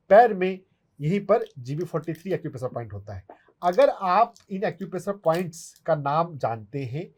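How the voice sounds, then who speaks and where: A man's voice: fairly high pitch, darkish tone. This is a man, explaining acupressure points patiently and step by step. He speaks as an expert answering a viewer's question. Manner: instructive, step-by-step, demonstrates on his hand. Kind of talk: explanatory health Q&A.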